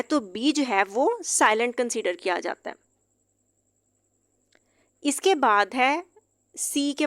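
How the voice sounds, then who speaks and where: A woman's voice: on the high side, fairly bright tone, no room sound, clean studio sound. Woman patiently teaching word by word. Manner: patient, repeats each example word slowly. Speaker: English teacher. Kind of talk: explanatory lesson.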